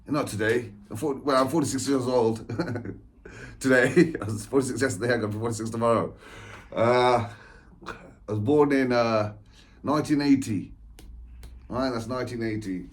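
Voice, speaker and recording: A man's voice: mid-range voice, moderate pace, pauses often. A man, an author talking through his life story in a rambling, chatty way, laughing often and repeating himself. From England. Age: 40s. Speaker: author and spiritual coach. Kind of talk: rambling personal monologue.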